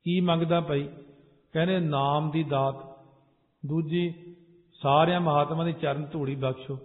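A man's voice: a little high, steady tone. Man chanting and explaining scripture. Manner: alternates slow chanted verses with quick explanation. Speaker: Sikh preacher. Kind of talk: sung scripture with spoken commentary. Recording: tinny phone-like sound with long hall reverb.

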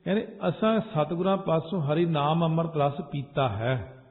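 Male preacher, slow chanted verses, fast explanations, raised voice, thin phone-like audio in a big reverberant hall. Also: fairly high pitch, animated. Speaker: Sikh preacher. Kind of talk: sung scripture with spoken commentary. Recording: tinny phone-like sound with long hall reverb.

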